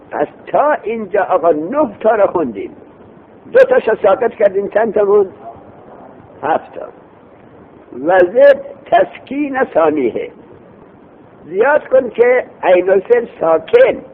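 Lively male teacher on a tinny recording. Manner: lively, repeats terms, asks students questions. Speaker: teacher of Arabic morphology. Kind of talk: classroom lesson, explaining and quizzing. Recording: tinny phone-like recording with faint rumble.

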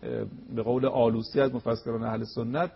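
A man's voice: mid-range voice, level tone, gravelly, slightly rough, lo-fi sound. A man preaching on a religious TV program, emphatic and full of rhetorical questions. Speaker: cleric guest on religious TV program.

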